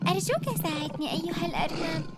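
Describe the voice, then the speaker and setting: A woman's voice: extremely high pitch, rapid-fire, loud music behind the voice, voice pushed up. A woman voicing a small, frightened male lion cub who pleads tearfully for help. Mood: pleading.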